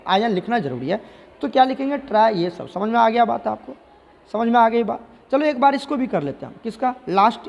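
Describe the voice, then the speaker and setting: A man's voice: sits high, creaky. A man teaching chemistry who asks his students questions, answers them himself and repeats the key terms. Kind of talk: explanatory lesson. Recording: dull audio with long hall reverb.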